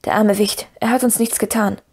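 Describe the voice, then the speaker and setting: Woman reading a calm firm hobbit guy, audiobook, a bit husky. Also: medium pitch, moderate pace. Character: earnest, gentle but firm male hobbit.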